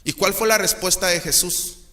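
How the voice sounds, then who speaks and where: A man's voice: sits high, normal speed, bright, forceful tone. A man with a Mexican Spanish accent preaching a sermon as pastor, joking with his listeners and acting out the voices he quotes.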